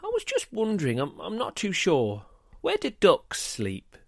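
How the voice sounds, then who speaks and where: A man's voice: wildly swooping pitch, a little slow, vocal fry, dry recording, clean studio sound, heavily acted. A man voicing a curious little boy full of questions, in a storybook reading. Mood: pestering. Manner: high, eager, questioning.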